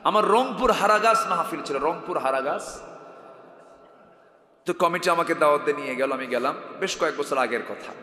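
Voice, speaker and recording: A male preacher giving a lively sermon at a religious gathering, often calling on the crowd to answer louder. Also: on the high side, normal speed. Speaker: Islamic preacher. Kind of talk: Bengali waz sermon. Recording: echoey hall sound.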